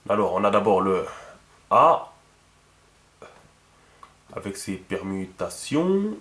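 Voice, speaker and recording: A man's voice: low-pitched, sing-song, takes it slowly, a bit bright. A man teaching a lesson, patient and checking often that the viewer follows. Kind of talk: instructional video lesson. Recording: echoey room.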